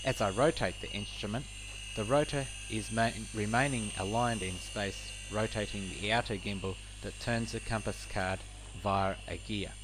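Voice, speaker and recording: A man with a lowish voice explains cockpit instruments in scripted narration. His delivery is measured and explanatory, like a flight instructor walking through a lesson. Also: steady tone, background noise.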